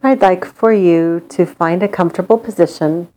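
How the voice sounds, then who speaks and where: A woman leading a guided meditation in a calm, gentle, soothing manner with long pauses. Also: fairly low pitch, low-quality recording.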